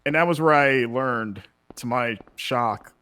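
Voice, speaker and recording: A man's voice: mid-range voice, takes it slowly, pushed and bright, clear, resonant tone. A man co-hosting a game stream, telling casual anecdotes with dry humor. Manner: wry, joking storyteller. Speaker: co-host. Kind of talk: casual let's-play chat.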